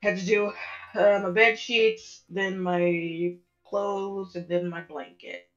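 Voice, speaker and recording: A woman's voice: mid-range voice, flat delivery, slow pace, faint music behind. A woman chatting casually on a live stream, her voice coming through voice chat with a robotic, metallic distortion. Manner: rambling, easygoing, trails off into fillers. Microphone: voice chat over a computer. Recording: dull lo-fi online call audio.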